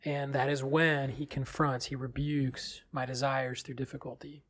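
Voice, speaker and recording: A man's voice: mid-range voice, little pitch movement, normal speed, a bit bright, breathy edge. A man hosting a podcast, speaking earnestly and personally about his own struggles. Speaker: podcast host. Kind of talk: reflective podcast talk.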